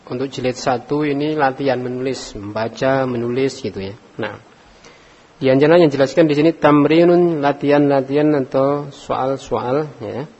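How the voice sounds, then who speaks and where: A man's voice: medium pitch, normal speed, a little mellow. A man teaching an Arabic grammar class, patiently calling on students by name and mixing in Arabic phrases. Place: study hall with students. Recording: dull recording with long hall reverb.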